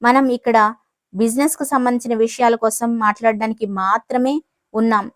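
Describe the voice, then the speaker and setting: A woman's voice: on the high side, moderate pace, no echo, clean studio sound, close to an everyday voice. Woman voicing a cold menacing tycoon. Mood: cold, controlled. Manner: calm, controlled, dismissive. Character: cold, menacing rich young businessman.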